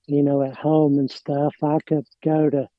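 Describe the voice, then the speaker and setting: A man's voice: fairly high pitch, flat delivery, a little slow, dry recording, narrow, tinny audio. A middle-aged man with an Appalachian mountain accent chatting casually, rambling and hesitant, often trailing off. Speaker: podcast guest, lawn care business owner. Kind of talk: casual chat.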